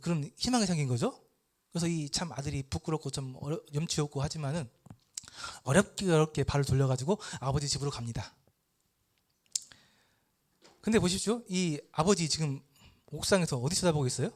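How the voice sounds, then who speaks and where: A man lecturing at church, retelling a parable with lively storytelling and rhetorical questions. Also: on the high side, fairly quick, pauses often.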